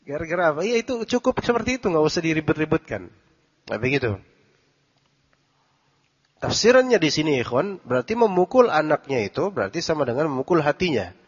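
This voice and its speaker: A man's voice: fairly high pitch, breathy edge. A man teaching a religious study lesson, translating Arabic text phrase by phrase and quizzing his listeners. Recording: dull recording with long hall reverb.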